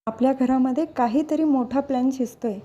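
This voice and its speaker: A woman's voice: high-pitched, steady tone, a little fast, mellow, highs cut off. A woman voicing a suspicious, scheming older aunt in a serial recap, with a prying, insistent manner.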